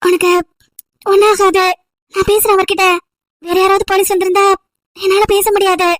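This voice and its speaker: A woman's voice: very high-pitched, level tone, moderate pace, dry recording, studio quality. A woman voicing a protective young woman in an amateur audio drama, soothing and earnest. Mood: comforting.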